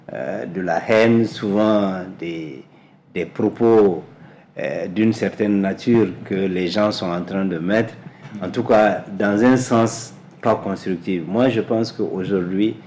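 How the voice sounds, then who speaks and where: A man from Mali, answering as an interview guest in a measured way, repeating words as he searches for them. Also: fairly low pitch, a little mellow, slight background noise. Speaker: guest, energy specialist.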